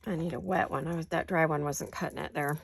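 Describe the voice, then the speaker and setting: A woman's voice: low voice, fairly even intonation, quick pace, gravelly, very noisy. A woman hosting a crafting video, chatting casually and talking to herself as she works. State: hiccups. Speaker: crafting channel host. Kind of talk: casual crafting chat while working.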